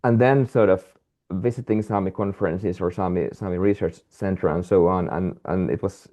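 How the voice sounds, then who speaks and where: This Finnish-speaking man from Finland is a guest researcher joining a webinar conversation by video call. His voice is deep and dark, moving at a normal speed, though he hesitates, restarts frequently, and leans on fillers.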